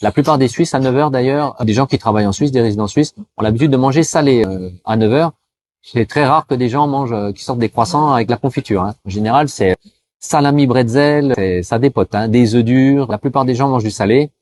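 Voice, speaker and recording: A man from France talking casually to the viewer, full of fillers, slowing down to spell out greetings. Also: mid-range voice, darkish tone, a little hiss or hum. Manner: chatty, addresses viewer as tu, frequent euh fillers; slows down to demonstrate pronunciation. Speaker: vlogger giving advice to cross-border workers. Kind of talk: casual explanatory talk with mini language lesson.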